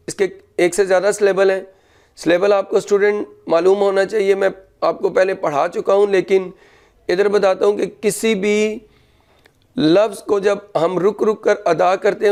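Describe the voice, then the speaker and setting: A male English teacher, dictating grammar rules slowly and explaining them in Urdu, spelling words out letter by letter. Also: sits high, a little mellow, smooth.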